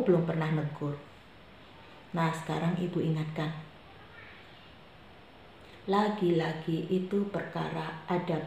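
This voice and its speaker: A woman's voice: on the low side, mellow. A woman homeroom teacher giving her students a firm briefing, repeating her reminders. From Indonesia. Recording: very echoey room with faint noise.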